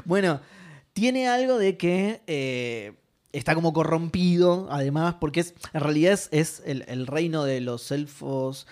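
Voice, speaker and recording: A young man with an Argentine accent chats about games on a podcast. His voice sits fairly high, and he talks in an animated way, full of swearing and laughter. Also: unhurried. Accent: Argentine Spanish. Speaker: podcast co-host. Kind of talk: casual gaming chat.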